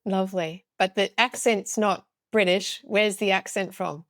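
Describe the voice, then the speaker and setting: A woman's voice: mid-range voice, steady tone, a little slow, fairly bright tone, no room sound. A woman hosting a podcast interview, speaking in an enthusiastic, upbeat way. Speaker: podcast host.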